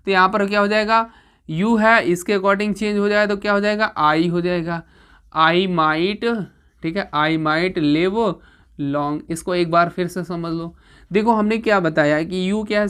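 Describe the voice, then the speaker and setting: A woman's voice: mid-range voice, clear, resonant tone. A woman teacher explaining grammar to exam students, asking questions and answering them herself. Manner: checks in with students constantly, asking and answering her own questions.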